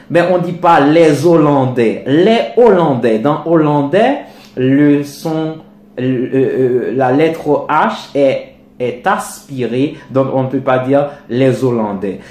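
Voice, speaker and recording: A man teaching a lesson on pronunciation, slowly and deliberately repeating his examples. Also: a little high, expressive, a little mellow, roomy sound. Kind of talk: lecture on French pronunciation.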